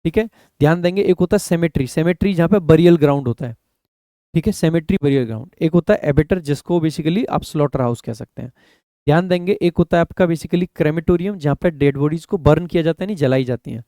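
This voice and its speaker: Male teacher, mellow dry voice. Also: dry recording. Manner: explains in Hindi, reads English definitions slowly and louder; drops pitch and volume at the ends of phrases. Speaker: English teacher for exam prep. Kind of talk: Hindi-English online lesson.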